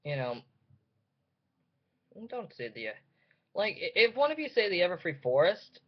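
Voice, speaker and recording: This young adult host has a fairly high voice and sounds very animated at a normal speed, yet he's hesitant, self-deprecating, and keeps cutting himself off. It's a casual reaction video shot indoors at home, and his computer mic gives a dull, lo-fi sound.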